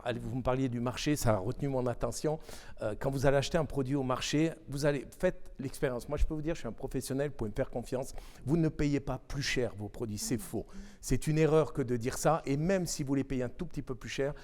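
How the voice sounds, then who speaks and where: A man with a southern French accent, a chef speaking on a panel, telling lively, funny stories to an audience. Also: medium pitch. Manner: storytelling, animated, humorous. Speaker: chef speaker at a health talk. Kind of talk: lively anecdotal panel talk. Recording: long hall reverb.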